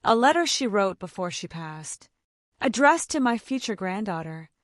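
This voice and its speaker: A woman voicing a warm elderly grandfather, gently and tenderly, in a storybook reading. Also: medium pitch, big pitch swings, normal speed, no room sound, studio quality, lightly acted.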